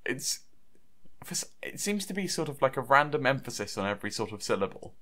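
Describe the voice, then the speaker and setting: A man's voice: mid-range voice, sing-song, brisk, crowd noise. A young man hosting a casual chat show, talking in a rambling, stop-start way and laughing often. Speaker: podcast host.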